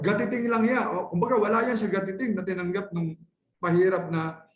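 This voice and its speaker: A man from the Philippines giving a religious classroom lecture, teaching in a conversational way, often checking in with his listeners and mixing in English phrases. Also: fairly high pitch. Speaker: Islamic lecturer. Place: lecture hall at a dawah center. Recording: echoey room recording.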